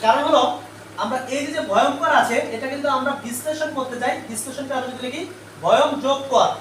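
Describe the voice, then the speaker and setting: A male grammar teacher, live online, talks at a quick pace in an extremely high, fairly bright voice. Again and again he poses questions to the class and answers them on his own; the mic is far away, the room echoes, and there is faint noise.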